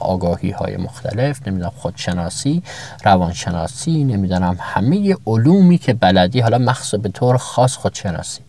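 A man with a fairly low-pitched voice teaches self-knowledge in a motivational talk. He addresses his listeners directly with rhetorical questions and lists example after example. His voice often leaps higher to stress a point. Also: darkish tone, a little hiss or hum.

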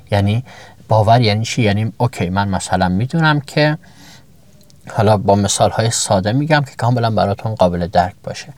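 A man with a fairly low-pitched voice teaches self-knowledge in a motivational talk. He addresses his listeners directly with rhetorical questions and lists example after example. His voice often leaps higher to stress a point. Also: a little mellow, no room sound.

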